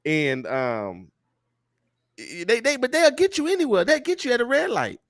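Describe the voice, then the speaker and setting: Man, podcast host, animated comic storyteller, dry sound. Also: very high-pitched, normal speed, dry recording. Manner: animated storyteller, laughs often, loud mock-preacher bursts. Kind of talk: casual comedic rant.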